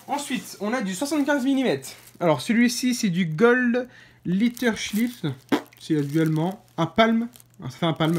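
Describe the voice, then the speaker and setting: A woman who hosts a fireworks channel gives casual unboxing commentary, talking straight to her viewers in an informal way. She sounds hesitant, with many fillers and self-corrections. Her voice is lowish and a little mellow, with a little hiss or hum on the recording.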